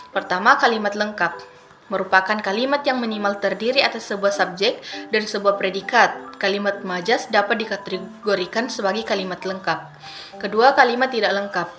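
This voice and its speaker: In a mid-range voice, a young woman at university presents her assignment to the class by reading it aloud. Her delivery is steady and methodical as she moves through definitions and numbered lists.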